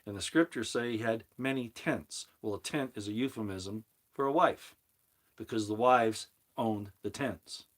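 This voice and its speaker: Unhurried and fairly low-pitched, a male host answers chat during a casual scripture livestream. He reads comments aloud and meanders through responses, often starting sentences over.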